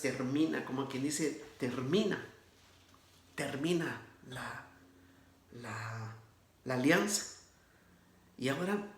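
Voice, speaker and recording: A man's voice: medium pitch, gravelly, reverberant. A man giving an informal sermon on scripture readings, speaking earnestly and directly to the listener as a brother, with frequent restarts. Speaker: preacher.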